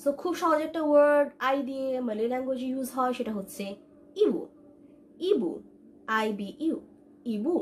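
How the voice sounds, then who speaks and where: A woman's voice: high voice, fast, few pauses, slight background noise. A young woman from Bangladesh, a language instructor giving an online lesson, patiently repeating vowel sounds and mixing in English.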